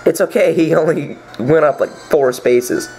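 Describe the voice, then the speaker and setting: A man's voice: on the high side, measured pace, darkish tone, soft background music, rough recording. A man playing a party video game with a friend, chatting casually and trading sarcastic jokes. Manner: joking, sarcastic, rambling. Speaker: gameplay commentator. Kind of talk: casual gameplay banter.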